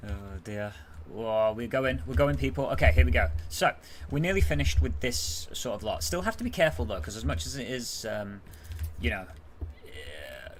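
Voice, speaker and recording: A man's voice: mid-range voice, sing-song, moderate pace, slight background noise. A British man casually commentating his game on a live stream, chatting with viewers as he plays. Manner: chatty, reads and answers chat while playing. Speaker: gaming streamer.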